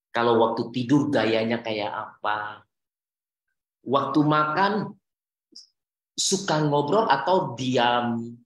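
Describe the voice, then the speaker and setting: A male pastor preaching a sermon, swinging between hushed and loud, firing repeated questions at the congregation and dropping English exclamations. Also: mid-range voice. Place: church service. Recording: roomy church hall echo.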